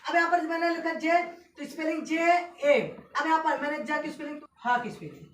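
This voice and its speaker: A woman teacher giving a classroom lesson, spelling out letters slowly and often checking that her students follow. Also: high-pitched, steady tone, fairly bright tone. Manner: repetitive, keeps checking students understand. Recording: echoey room from far off, faint hiss.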